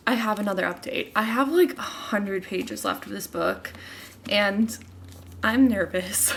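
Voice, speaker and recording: A woman's voice: medium pitch, unhurried, a bit bright, soft background music. A young woman chatting casually in a book vlog, exasperated and full of "like". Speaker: book vlogger.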